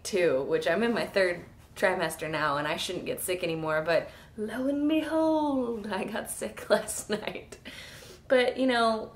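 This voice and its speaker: A woman vlogging casually with a hoarse, fading voice, chatty and self-mocking and laughing often. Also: lowish voice. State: hoarse, losing her voice. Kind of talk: casual pregnancy vlog.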